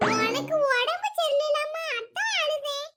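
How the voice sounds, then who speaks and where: Woman doing a soft, teary little cartoon boy. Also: very high voice, lively intonation, unhurried, music in the background. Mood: tearful. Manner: soft, whimpering. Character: small, tearful young son. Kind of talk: cartoon voice acting.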